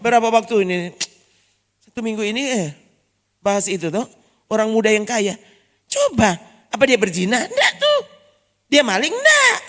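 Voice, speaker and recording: A woman's voice: mid-range voice, normal speed, long pauses. Woman pastor, emphatic sermon, rhetorical questions, long church reverb.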